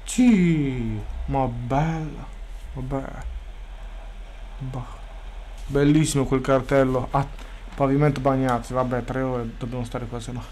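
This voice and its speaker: A man streaming a sports video game, chatting casually, swearing freely and bursting into loud excited shouts. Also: mid-range voice, takes it slowly, long pauses, slight background noise. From Italy. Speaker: gaming streamer. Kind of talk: casual gameplay commentary.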